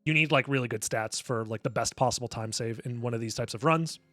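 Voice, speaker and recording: A man's voice: mid-range voice, fast talker, fairly bright tone, no room sound. A man giving casual speedrunner commentary, explaining his play analytically, step by step. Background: music under the voice.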